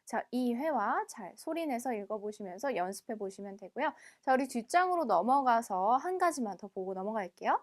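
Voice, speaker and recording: High-voiced woman teaching French slowly. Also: animated. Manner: patient, reads each French phrase slowly twice. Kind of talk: textbook lesson explaining French phrases.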